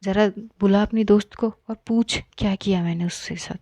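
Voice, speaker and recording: A woman's voice: mid-range voice, fairly even intonation, moderate pace, warm tone, dry recording, studio quality, natural voice. A woman voicing a brash young man who answers back rudely in a read-aloud story. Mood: defiant. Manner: rude, confrontational. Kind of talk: storybook reading.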